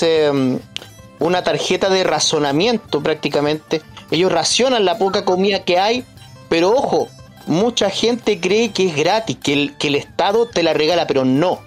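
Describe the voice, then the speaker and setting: A man commenting as a guest in a podcast discussion, emphatic and deliberate. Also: a little high, faint music behind.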